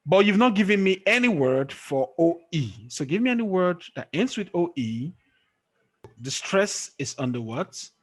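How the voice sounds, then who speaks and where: Teaching English pronunciation via video call, this man speaks at a normal pace in a high-pitched, sing-song, husky voice. "Okay?" comes up often as he checks that his student is keeping up.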